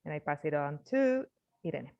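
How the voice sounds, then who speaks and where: A woman hosting a video call, upbeat and halting, with restarts. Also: low voice, big pitch swings, a little mellow, muffled recording. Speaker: host.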